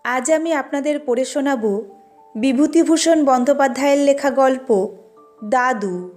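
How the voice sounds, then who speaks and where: A woman narrates a storybook reading in a high voice, measured and expressive. She reads slowly and deliberately. Soft music plays underneath. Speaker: audiobook narrator.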